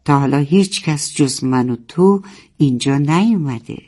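A storyteller voicing a big father whale, gentle but stern, speaking slowly and with weight. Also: mid-range voice, close to an everyday voice. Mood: warning. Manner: slow, measured and weighty.

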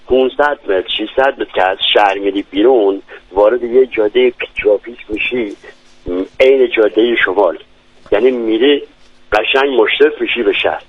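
An eager man talks about his home region on the radio, pausing and restarting as he searches for words. His voice sits at an ordinary pitch. The sound is dry and dull, with a lo-fi radio quality. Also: husky, no room sound. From Lorestan, Iran. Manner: enthusiastic, descriptive, many hesitations. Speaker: guest from a village. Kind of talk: radio interview.

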